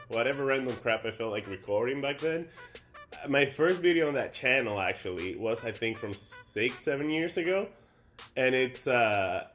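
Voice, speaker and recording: Talking to camera in a relaxed sit-down video, this young man from the Dominican Republic has a medium-pitched, slightly bright voice. He speaks with a Dominican Spanish accent and wanders through his points with many fillers and false starts.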